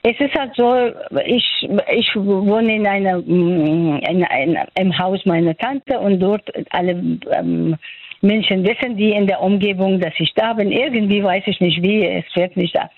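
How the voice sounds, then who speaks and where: A woman's voice: medium pitch, unhurried, no room sound. An older woman from Afghanistan with an Afghan accent, a doctor talking in a hesitant way with many fillers as she searches for words. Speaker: doctor interviewed on radio. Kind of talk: phone interview. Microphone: phone. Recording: dry tinny phone line.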